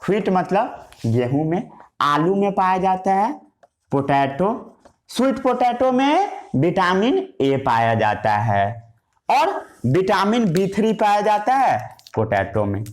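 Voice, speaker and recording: A male teacher whose voice sits high speaks slowly in a sing-song manner through a Hindi science lesson featuring English terms. He works through his own questions and answers, repeating key words while writing.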